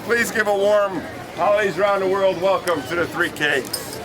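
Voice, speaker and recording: A man hosting an outdoor show, calling passers-by in with loud street-performer patter and announcing the act. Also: high-pitched, moderate pace. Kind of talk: outdoor announcing to gather a crowd. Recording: outdoor crowd noise.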